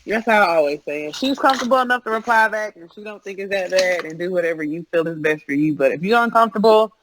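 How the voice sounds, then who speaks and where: A woman's voice: medium pitch, expressive, quick pace, background noise. A woman co-hosting a podcast in casual chat, congested from a respiratory infection, easygoing and candid. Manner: easygoing, candid, laughs along. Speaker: podcast co-host.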